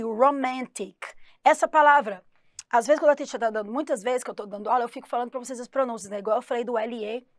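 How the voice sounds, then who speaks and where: A woman's voice: on the high side, no echo. Chatty woman English teacher, dry close mic. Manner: chatty, explains slowly, spells words letter by letter. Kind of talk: online exam-prep English lesson.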